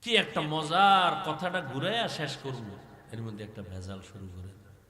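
A man preaching a waz sermon under a pandal, chanting melodically and swinging from soft passages to loud, dramatic exclamations. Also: mid-range voice, normal speed. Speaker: Islamic preacher. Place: religious gathering under a pandal. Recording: echoey hall with long reverb.

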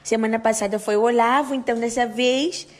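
A chirpy little pet dog, as a woman puts it on, chattering eagerly in baby talk. The voice sits a bit high. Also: fairly even intonation, a little fast, lightly acted. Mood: cheerful. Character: small pet dog speaking cheerfully.

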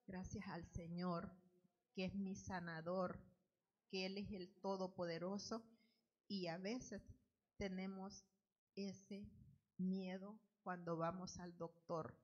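A woman stands at a church altar and gives an earnest spoken testimony, her phrases loose and repetitive. She talks slowly in a husky voice. The recording is dull and lo-fi. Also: lowish voice, little pitch movement. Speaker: church member giving testimony, Bible study leader.

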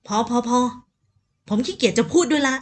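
A woman's voice: a little high, animated, normal speed. A woman voicing a spoiled, lazy rich young man who talks insolently and carelessly. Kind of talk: audiobook character voice.

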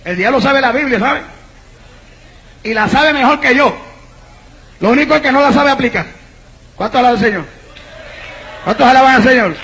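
A man evangelist preaching a sermon to a congregation, telling a dramatic story, shouting and calling out to the people. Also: very high-pitched, moderate pace, long pauses, slightly rough, rough recording. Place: church before a congregation.

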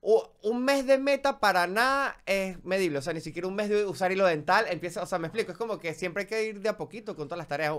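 A man co-hosting a podcast in casual chat, chiming in quickly and emphatically. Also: high-pitched, a bit bright, smooth. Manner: quick, emphatic agreeing interjections. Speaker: podcast co-host.

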